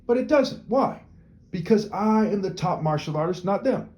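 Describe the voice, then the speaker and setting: Animated and high-voiced, with a darkish tone at a moderate pace, the man is heard through a muffled recording. This video commentator rambles opinionatedly to camera, peppering his rhetoric with "right?" and repeating words as he restarts sentences.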